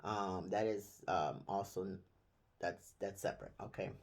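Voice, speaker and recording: Man, lowish voice, halting and rambling, phone-recorded indoor vlog. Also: a little mellow. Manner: halting, rambling, many restarts. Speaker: vlogger. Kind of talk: casual personal storytelling. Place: indoor room.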